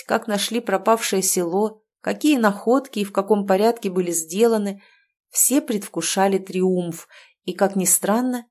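Here a woman with a mid-range voice narrates a novel for an audiobook, following the script in a steady, measured way.

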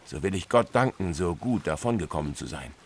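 In a radio play, a man voices a loud, bluff middle-aged sea captain bellowing orders through a storm and slipping English sailor words into his German. His low voice has lively intonation and a slightly fast pace, with a mood of gruff relief.

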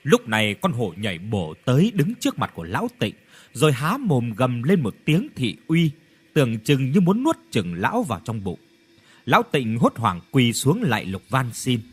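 A man narrating a ghost story in an expressive, dramatic storytelling manner. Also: medium pitch, moderate pace, husky.

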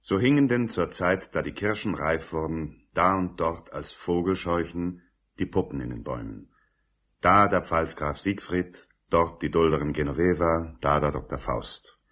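A man narrates his family's past in a scripted radio drama. The voice is deep and breathy, with grave, wistful storytelling. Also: moderate pace, a bit bright.

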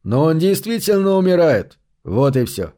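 Brief: male reader voicing a calm, cruel man, smug and sneering; warm low tone. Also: normal speed. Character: cold mocking man, calm and vengeful. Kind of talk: audiobook character voice.

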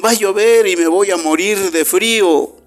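Guy doing a high squeaky scared little bee, begging, storybook radio. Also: moderate pace, soft background music, close to an everyday voice. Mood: pleading. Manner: high, trembling and pleading. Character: frightened pleading little female bee.

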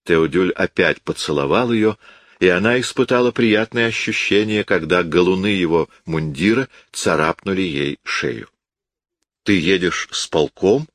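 Deep-voiced male audiobook narrator. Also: moderate pace, a bit bright, no echo, studio quality.

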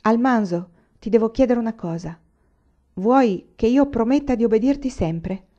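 A woman's voice: a little high, lively intonation, normal speed, dark tone, highs cut off, voice pushed up, lightly acted. A woman reading the part of a spirited young frontier woman who speaks frankly and firmly. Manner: frank and firm.

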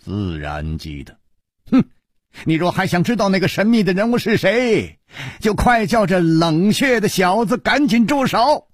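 A man voicing a haughty young swordsman who shouts his challenge. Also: high voice, big pitch swings, very fast, hardly any pauses, breathy edge, no echo, studio quality, voice pushed up, heavily acted. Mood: demanding. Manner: loud, challenging.

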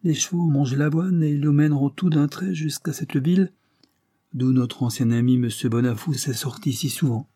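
A man's voice: a little high, moderate pace, warm tone, no room sound, clean studio sound, voice pushed up, close to an everyday voice. A man voicing an impulsive, exuberant young man eager to travel. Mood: jovial. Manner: exuberant, insistent.

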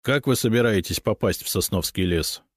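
A man's voice: on the low side, normal speed, husky, dry recording, clean studio sound. A man voicing a determined, curt male secret-service chief in an audiobook.

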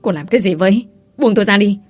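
A woman voicing a haughty, quick-tempered rich young lady who snaps orders. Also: medium pitch, slightly rough, soft background music, natural voice. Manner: sharp, commanding.

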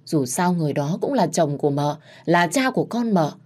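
A woman voicing the spirit of a gentle dead woman, who speaks in a pleading, tearful way. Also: low-pitched, animated, brisk.

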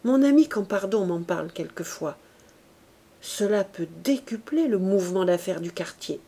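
A woman's voice: medium pitch, lively intonation, normal speed, warm tone. A woman voicing an ardent young male shop clerk who woos with a sweet, sing-song, theatrical manner in an audiobook. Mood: persuasive. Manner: eager, pleading, theatrical.

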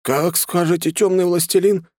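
A man's voice: on the high side, normal speed, dark tone, dry recording, clean studio sound, voice pushed up, lightly acted. A man voicing a frightened male thug, a former violinist, who whines and stammers as he pleads. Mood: cowed. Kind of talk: audiobook character voice.

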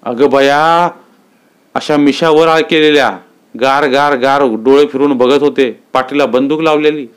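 A man doing a village wife who keeps her voice low and muffled behind her sari. She sounds urgent and full of gossip. Her tone is smooth and resonant, pitched well above a man's speaking voice. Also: steady tone, a little slow, natural voice. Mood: hushed gossip.

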